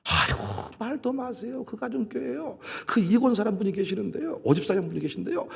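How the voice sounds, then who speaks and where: A pastor acting out a grumbling church lay leader who complains about a demanding member in a rapid, exasperated voice. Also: male voice, sits high, very animated, vocal fry, breathy edge, full character voice. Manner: exasperated, rapid listing of grievances.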